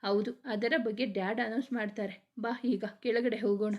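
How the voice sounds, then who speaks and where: A woman's voice: a little high, fairly even intonation, moderate pace, natural voice. Woman voicing a gossipy younger sister. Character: chatty young woman, the hero's playful sister.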